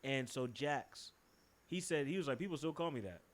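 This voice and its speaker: A young man with a Boston accent co-hosting a podcast in casual chat, animated and profane, jumping from topic to topic. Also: mid-range voice, normal speed. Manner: animated, swearing, jumps from topic to topic. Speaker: podcast co-host.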